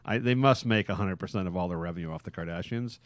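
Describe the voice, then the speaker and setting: A man's voice: low-pitched, fast talker, no echo. A man hosting a podcast, rambling crudely with frequent laughter. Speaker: podcast host. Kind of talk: casual crude podcast banter.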